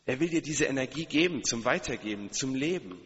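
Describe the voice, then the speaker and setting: Delivering a sermon briskly, the man uses a mid-range, fairly bright voice with expressive delivery. He earnestly poses direct questions to the congregation and repeats important phrases to stress them. The audio sounds dull, with long hall reverb.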